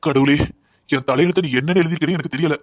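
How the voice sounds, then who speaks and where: A man's voice: fairly high pitch, fairly even intonation, fast, close to an everyday voice. A young man voicing a stubborn, resentful husband in a cartoon drama, speaking harshly and defiantly. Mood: pleading prayer.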